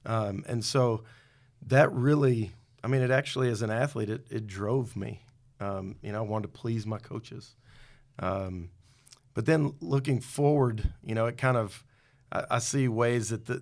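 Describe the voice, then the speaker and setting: A man's voice: on the low side, fairly even intonation, unhurried, vocal fry, darkish tone. A middle-aged man, a podcast guest, telling his own story in a candid, reflective way with some self-deprecating humor. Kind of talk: personal testimony in a podcast interview.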